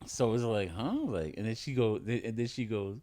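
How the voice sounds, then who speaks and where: A man's voice: lowish voice, moderate pace. A man, co-hosting a casual podcast chat, telling stories with acted-out voices and frequent laughter. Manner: animated storyteller, acts out voices, laughs often. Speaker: podcast co-host.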